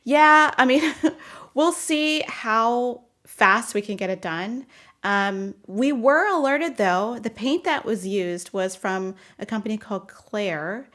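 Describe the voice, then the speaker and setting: A woman's voice: on the high side, expressive, takes it slowly, a bit bright. A woman chatting loosely with her viewers from her home office, talking in a rambling way and laughing often. She answers comments as they come in. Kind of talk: casual live chat.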